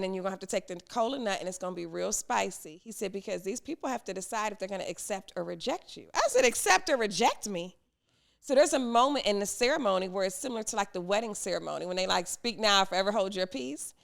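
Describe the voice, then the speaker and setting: A woman's voice: medium pitch, quick pace, vocal fry. A woman from the United States hosting a podcast, telling a story animatedly and acting out the people in it. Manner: animated, acts out quoted people, laughs often. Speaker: podcast host.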